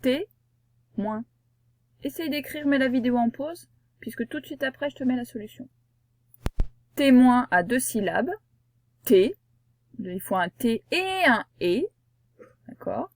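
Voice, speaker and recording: A woman teacher giving a reading lesson to young children, patient and slow, spelling out sounds one by one. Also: on the high side, expressive, dry recording, clean studio sound. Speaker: primary school teacher.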